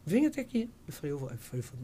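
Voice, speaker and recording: An older actress being interviewed, telling anecdotes in a lively way and acting out the voices of the people she quotes. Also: low-pitched, very fast, breathy edge. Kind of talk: casual interview storytelling.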